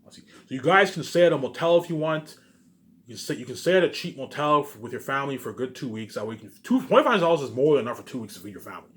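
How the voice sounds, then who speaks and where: Talking loosely about what he plans to do, a man with a mid-range, fairly bright voice goes on in a rambling informal monologue. He keeps repeating himself, restarting his phrases and adding emphatic tag words.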